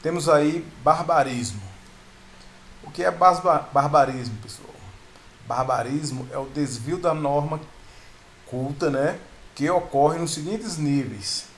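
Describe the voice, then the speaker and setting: A man's voice: a little high, measured pace, a little hiss or hum. A man giving a video lesson on grammar, explaining patiently, restarting words and often addressing viewers as "pessoal". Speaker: teacher.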